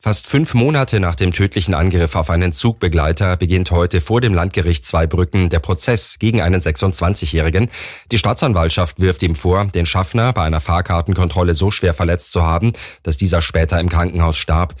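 A man reading the radio news in a steady, formal studio delivery. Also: deep voice, fairly quick, dry recording. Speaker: newsreader. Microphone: studio microphone.

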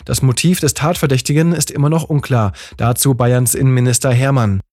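A man reading the radio news in a measured, formal way. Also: medium pitch, a little mellow, a little hiss or hum. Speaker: newsreader.

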